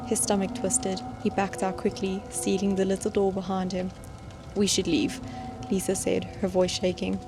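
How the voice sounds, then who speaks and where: A woman reads scripted horror stories in a measured, suspenseful storytelling manner. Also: mid-range voice, monotone. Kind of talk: scripted scary-story narration. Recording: music bed behind the voice.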